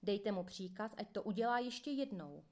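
A woman's voice: mid-range voice, lively intonation, natural voice. A woman voicing a harsh male prison commander who barks out his orders. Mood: commanding.

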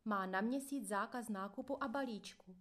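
A woman voicing an old male prison cellmate who speaks calmly and steadily, in a measured way. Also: on the high side. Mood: grave.

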